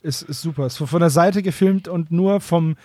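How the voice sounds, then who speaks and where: A man's voice: fairly high pitch, normal speed, mellow, no echo, studio quality. A man chatting casually and jokily as a podcast co-host, in colloquial speech. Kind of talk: casual discussion.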